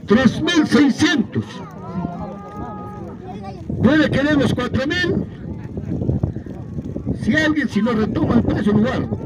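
A man working as a Spanish auctioneer at livestock sales, chanting rising bids in repetitive, rhythmic numbers. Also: extremely high pitch. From Peru. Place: outdoor dirt livestock show ring. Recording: noisy outdoor fairground recording.

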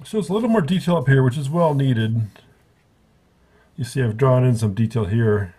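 Seated at a table, a male book reviewer rambles through an offhand, casual spoken review, often stopping to correct himself. He speaks at a moderate pace in a medium-pitched, mellow voice with a slightly rough edge.

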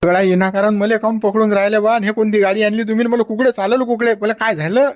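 A man's voice: sits high, fairly even intonation, fast, dry recording, natural voice. A man voicing a confused old village man who pleads and protests, speaking. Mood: pleading.

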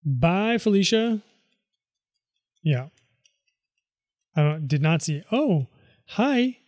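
A tired man talks through a video game run, muttering reactions to himself. He speaks slowly, with a slightly high voice. The recording is close and dry, with no room sound. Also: very animated, darkish tone, no echo. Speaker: let's play host. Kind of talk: casual gameplay commentary.

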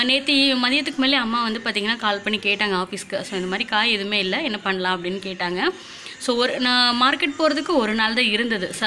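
A woman's voice: mid-range voice, pushed and bright. A woman, narrating a casual home vlog in a chatty way, full of filler words. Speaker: vlogger.

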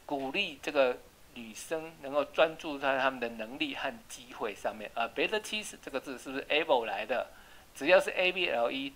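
Patient tutor spelling out English words. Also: female voice, extremely low pitch, fairly bright tone, poor audio. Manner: explains words patiently, spells out letters, drills repetition. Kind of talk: home English reading and spelling lesson.

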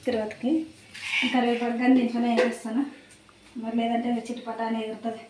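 Woman home cook, high and quick, chatty step-by-step talk, echoey kitchen with sizzling. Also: level tone, background noise. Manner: chatty, explains each step as she cooks. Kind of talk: casual cooking chat. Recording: echoey room, frying sizzle behind.

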